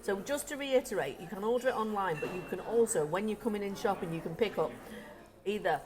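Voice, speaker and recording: A woman co-hosting a casual food tasting chat, talking with her mouth full and filling pauses with ums. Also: mid-range voice, lively intonation, crowd noise. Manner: chatty, eats while talking, many ums. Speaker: deli owner co-host. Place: deli or shop indoors.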